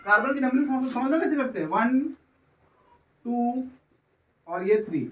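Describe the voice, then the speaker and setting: Speaking at a normal speed, a male chemistry teacher delivers a classroom lecture with a very high-pitched, animated, fairly bright voice. He lengthens words and asks over and over if the class understands. The recording has room echo and catches him from far away.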